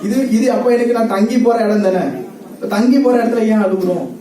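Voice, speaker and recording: A man's voice: high-pitched, fairly quick, recorded from a distance. Male preacher, interactive sermon, laughs a lot; echoey hall, faint noise behind. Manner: asks the audience questions and repeats their answers; laughs often while talking. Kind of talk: sermon with questions to the congregation.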